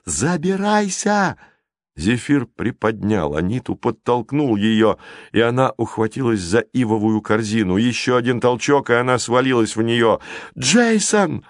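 A man reading an adventure audiobook in a measured, dramatic narration. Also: mid-range voice, no room sound, studio quality. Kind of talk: scripted storybook narration.

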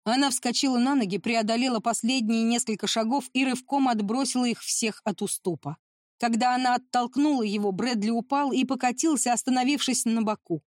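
A woman reading a tense adventure novel as an audiobook narrator, in steady storytelling. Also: fairly high pitch, brisk, no echo, clean studio sound.

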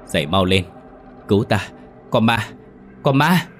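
A man voicing a frightened, cruel noblewoman in a ghost story, shouting in panic. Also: low-pitched, moderate pace, slight background noise, natural voice. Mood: terrified.

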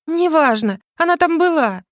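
A woman voicing a young female mage who is terrified of rats, shrill, flustered and pleading. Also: animated, fairly quick, fairly bright tone, dry recording, clean studio sound. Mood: panicked.

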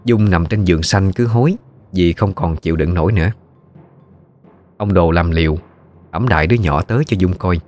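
A man with a Southern Vietnamese accent narrating a ghost story in a steady, folksy way. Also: sits low, moderate pace, pauses often, faint music behind.

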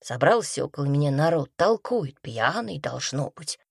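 A woman's voice: low voice, very animated, moderate pace, vocal fry, slightly rough, no echo, clean studio sound. A woman performing a first-person folk tale aloud in a chatty, folksy storyteller's manner, acting out the quoted voices. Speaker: reader.

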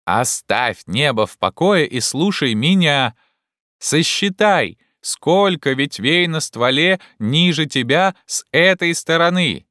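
A man voicing an excitable, feverish gentleman who shouts with loud urgency. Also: fairly high pitch, slow pace, dry recording, clean studio sound, voice pushed up, heavily acted. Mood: agitated shouting.

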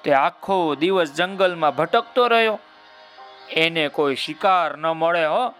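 A man telling a children's story in a folksy, drawn-out way, speaking to his listeners. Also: fairly high pitch, expressive, a bit bright, soft background music.

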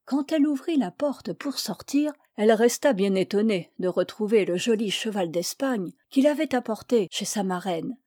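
A woman reads an old fairy tale aloud in a clear, measured way. Her voice is mellow and warm-toned, at a middle pitch. The recording is close and dry. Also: lively intonation, no echo. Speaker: reader of fairy tales. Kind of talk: storybook reading.

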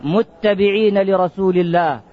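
Man scholar with a high voice, preaching through repeated rhetorical questions; muffled lo-fi recording. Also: moderate pace. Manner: rhetorical questioning, emphatic repetition. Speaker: Islamic scholar answering questions. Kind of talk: fatwa lesson. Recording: dull lo-fi recording.

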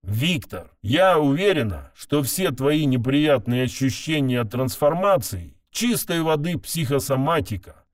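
A man reading an audiobook voices a woman curator whose disguised voice comes through a speaker, harsh and metallic, calm and clinical. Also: mid-range voice, a little slow, no echo, studio quality. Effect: harsh metallic loudspeaker voice. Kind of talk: audiobook narration with voiced characters.

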